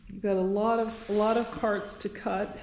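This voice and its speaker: A woman's voice: mid-range voice, level tone, normal speed, a little mellow. A woman hosting a conversational how-to interview, asking questions and restating technical details. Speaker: interviewer of the woodworker. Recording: echoey workshop, background noise.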